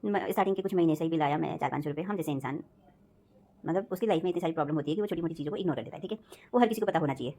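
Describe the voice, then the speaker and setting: Fast-talking low-voiced woman venting. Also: dark tone. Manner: rambling, repeats herself, self-corrects. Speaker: vlogger. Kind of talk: casual venting monologue.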